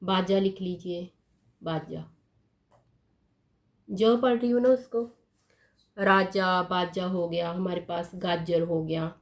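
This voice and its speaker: A woman teaching a lesson, writing words on a board and repeating each one slowly, often asking her pupils questions. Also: lowish voice, steady tone. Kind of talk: slow classroom explanation at a board.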